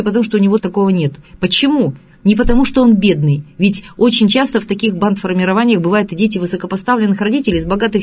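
A woman's voice: medium pitch, darkish tone. A woman speaking to radio listeners as an expert, earnest and lecturing, asking many rhetorical questions. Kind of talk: radio talk on child psychology.

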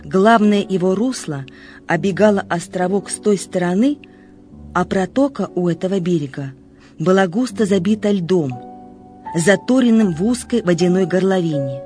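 A woman's voice: on the low side, animated, moderate pace, dark tone, soft background music. A woman reading scripted literary narration as the narrator of a story.

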